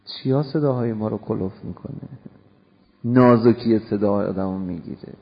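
A man preaching a sermon in an impassioned way, moving between soft passages and loud, emphatic bursts. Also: on the low side, gravelly. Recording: long hall reverb, dull lo-fi sound.

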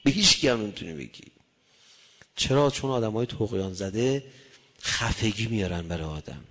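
A man preaching a religious sermon, shifting between hushed murmurs and loud impassioned cries. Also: fairly low pitch, expressive, long reverb tail.

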